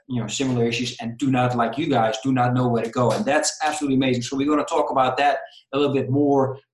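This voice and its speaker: A man's voice: mid-range voice, echoey room, low-quality recording. A man hosting a live interview, asking questions and encouraging his guest with short replies. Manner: encouraging, frequent backchannels. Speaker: interviewer, host.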